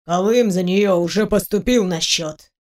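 A woman reading an audiobook, voicing a stern, blunt middle-aged father who speaks slowly and firmly. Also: medium pitch, darkish tone, lightly acted.

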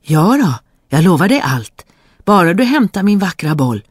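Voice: mid-range voice, expressive, vocal fry, darkish tone, slightly rough, dry recording, clean studio sound, voice pushed up. A reader doing a petulant young princess. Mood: eager. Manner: petulant, eager to please when she wants something. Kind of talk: storybook reading.

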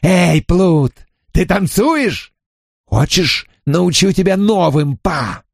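A man's voice: sits high, lively intonation, slow pace, creaky, dry recording, studio quality, voice pushed up, exaggerated voice. A man voicing a haughty, cruel male fairy spirit who boasts and rages theatrically. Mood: gloating. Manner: theatrical, exulting, shouting in rage.

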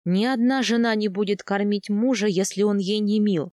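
A woman's voice: medium pitch, fairly even intonation, normal speed, darkish tone, no room sound, clean studio sound, close to an everyday voice. A woman voicing a playful young husband from the steppe in an audiobook, bantering in an easygoing way. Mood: teasing. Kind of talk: audiobook character voice.

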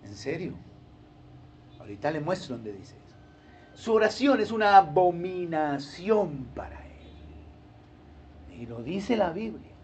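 A man's voice: a little high, slow, long pauses, slight background noise. A male pastor, preaching a sermon and acting out churchgoers in playful voices. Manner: animated, acts out churchgoers in funny voices.

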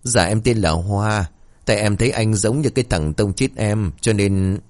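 A man's voice: lowish voice, normal speed, darkish tone, dry recording, lightly acted. A man voicing a young female ghost who whines and pleads pitifully. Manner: whiny, pleading.

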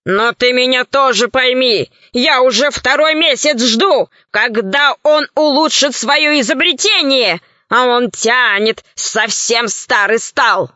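A woman voicing a brutish, boastful male pirate chief who threatens and brags in drawn-out phrases, in a storybook reading. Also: high-pitched, pushed and bright, no room sound, exaggerated voice. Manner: gruff, bragging, drawn-out threats. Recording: slightly dull, dry recording.

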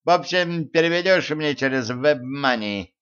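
A man voicing a cheeky young male gremlin who talks in sly, slangy, wheedling tones, with a raised pitch. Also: expressive, unhurried, a bit bright, clean tone, muffled recording.

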